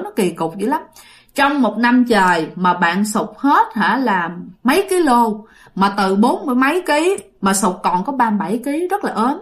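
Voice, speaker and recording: A woman's voice: on the high side, a bit bright. Chatty Southern Vietnamese woman storyteller. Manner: chatty, addresses listeners directly. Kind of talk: ghost story narration.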